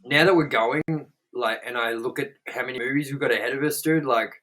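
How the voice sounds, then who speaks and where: Co-hosting a casual podcast, a man talks fairly quickly in a medium-pitched, pushed, bright voice over a rough recording. He rambles and circles back on himself, swearing freely and piling on fillers like "like" and "you know what I mean."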